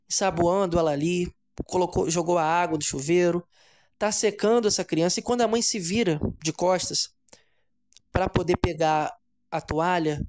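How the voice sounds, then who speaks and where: A man hosts an explanatory talk on psychology. He speaks in a measured, deliberate way and drags out the words he wants to stress. He often tags his points with a quick "né?". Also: sits high. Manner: measured, deliberate, often adds "né?" and slows for emphasis. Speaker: host.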